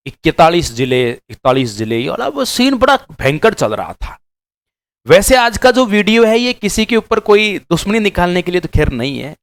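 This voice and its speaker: A male teacher lecturing exam students with insistent emphasis, often repeating words to drive a point home. His voice sits a little high and swings widely in pitch. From Rajasthan. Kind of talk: direct-to-camera lecture.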